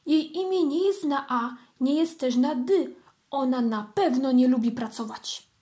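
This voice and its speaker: A cheeky little boy kitten in a children's storybook, lazy and quick to grumble, as a woman puts him on. His voice sits high and comes out loud and indignant whenever he is crossed. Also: sing-song. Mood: excited.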